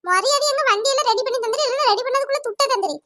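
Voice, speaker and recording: A woman's voice: extremely high pitch, very fast, sharp tone, dry recording, pitched above the performer's own voice. A woman doing a bossy, lecturing village woman. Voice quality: lecturing, demanding.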